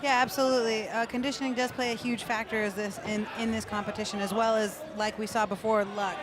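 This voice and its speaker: A woman's voice: a little high, level tone, quick pace. A woman giving live fight commentary as an analyst, explaining technique in a conversational way. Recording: live fight with crowd behind.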